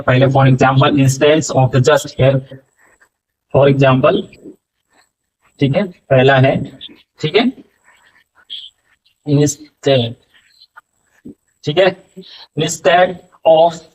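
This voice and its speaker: Male teacher, slightly high voice, very slow deliberate pace, mic set back at a distance. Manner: slow, drawn-out dictation of English words; switches between Hindi and halting English. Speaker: English teacher. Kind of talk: spoken English lesson.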